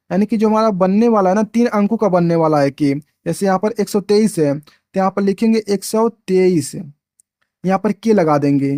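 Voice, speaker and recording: A man talks through a maths lesson in a high voice. He poses questions and answers them himself, repeating each step and dropping lower on single numbers. The sound is dry and close. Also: darkish tone, no room sound. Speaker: maths teacher. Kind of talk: explaining at a board, step by step.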